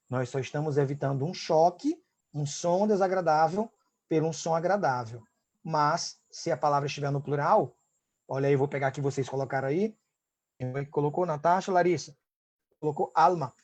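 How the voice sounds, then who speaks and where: A Brazilian man teaching an online Spanish class, explaining step by step and checking in often with his students. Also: a little high. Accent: Brazilian Portuguese.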